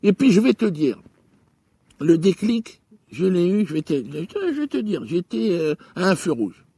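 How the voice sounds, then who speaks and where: A man doing stand-up comedy into a handheld stage mic, telling a story with stammering restarts and sudden swings between loud and low. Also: sing-song, a little slow, slightly rough, dry recording.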